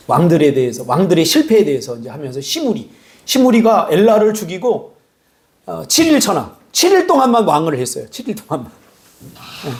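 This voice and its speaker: High-voiced man preaching with animation. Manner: animated preaching, teasing congregation members by name. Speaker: pastor. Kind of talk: sermon. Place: church sanctuary.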